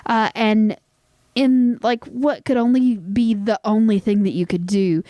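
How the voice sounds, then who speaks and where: A woman's voice: mid-range voice, steady tone, unhurried, warm tone, dry recording. Woman podcaster telling a story, casual. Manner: swearing, filler-heavy, laughs often. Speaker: podcast co-host.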